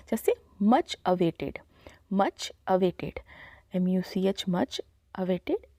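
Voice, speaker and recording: A woman gives a patient vocabulary lesson, repeating each word and spelling it out letter by letter. Her voice is mellow and soft, recorded close and dry with no room sound. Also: mid-range voice, husky, no room sound. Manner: slow, deliberate, spells words letter by letter. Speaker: vocabulary teacher. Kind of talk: Hindi-to-English vocabulary lesson.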